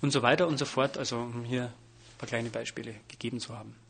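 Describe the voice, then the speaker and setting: A man from Bavaria, a comedian, answering interview questions in a lively, animated way with frequent restarts and fillers. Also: mid-range voice, fast talker, vocal fry, a little hiss or hum. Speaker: comedian and wordplay artist.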